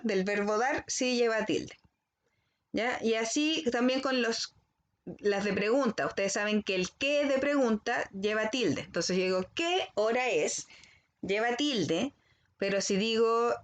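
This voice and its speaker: Slow, careful woman teacher. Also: on the high side. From Chile. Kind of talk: recorded language lesson for children.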